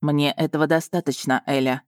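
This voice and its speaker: A woman voicing a smug, teasing young male duke in an audiobook, speaking in a lowered, self-assured drawl. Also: steady tone, brisk, dry recording, studio quality, close to an everyday voice. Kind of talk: audiobook character voice.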